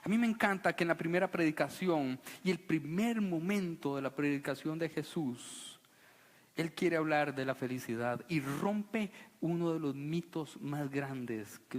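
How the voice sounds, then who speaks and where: Animated man preaching in a reverberant hall. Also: a little high. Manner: animated preaching, mocks solemn voices. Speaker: pastor. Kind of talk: sermon. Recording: long reverb of a church hall.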